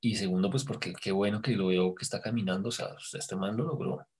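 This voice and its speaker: A man recounting a past experience in casual conversation, hesitant and searching for words, often dropping to a hushed near-whisper when he quotes his own thoughts. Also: sits low, brisk, breathy edge. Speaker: storyteller in a conversation. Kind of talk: casual spoken recollection.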